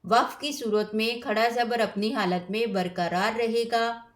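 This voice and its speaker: A woman teaching Quran tajweed, reciting verses slowly and melodically, then explaining each rule in quick, repetitive phrases. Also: on the high side, steady tone. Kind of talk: tajweed lesson alternating slow recitation and explanation.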